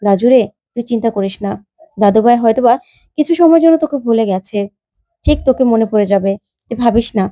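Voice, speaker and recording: A tender old grandmother, voiced by a woman, who comforts her family in soothing, affectionate words. The voice is mellow, a little high, and recorded dry and close. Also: animated, quick pace, pauses often, dry recording, natural voice. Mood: reassuring.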